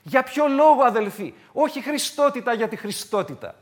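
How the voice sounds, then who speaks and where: A man preaching a sermon to his congregation, emphatic and repetitive, moving between loud declarations and hushed asides. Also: very high voice, very animated. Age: adult with wife and children.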